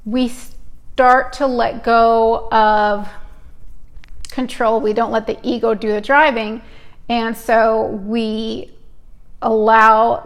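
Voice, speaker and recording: Middle-aged woman, live-stream card reader, rambling and hyper, slightly high, fry in the voice. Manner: chatty, rambling, hyper and self-interrupting.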